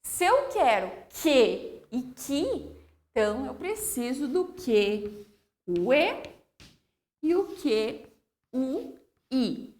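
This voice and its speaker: A woman teaching young children spelling, drawing out each example word slowly and checking in with "ok?". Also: high voice, very animated, a little mellow. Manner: slow, drawn-out word-by-word dictation with frequent "ok?" checks. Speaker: primary school teacher.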